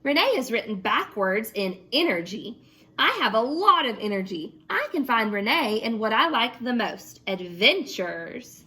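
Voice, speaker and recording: A woman's voice: a little high, a little slow. A woman teacher reading a picture book aloud to children and then asking the class questions about it. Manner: expressive, asks children questions.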